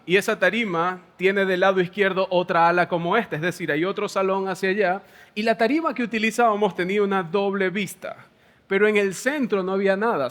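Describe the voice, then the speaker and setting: A Venezuelan pastor preaching a sermon in a church hall, telling personal stories in an animated way and laughing between lines. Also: male voice, sits high. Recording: long church hall reverb.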